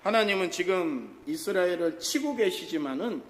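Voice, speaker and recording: A middle-aged male pastor delivers a sermon, pitching questions to his congregation. His fairly high voice rises and falls with animated expression. The sound carries the long reverb of a church hall with a faint hum of room noise. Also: moderate pace. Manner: lively preaching, asks the congregation questions. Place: church sanctuary.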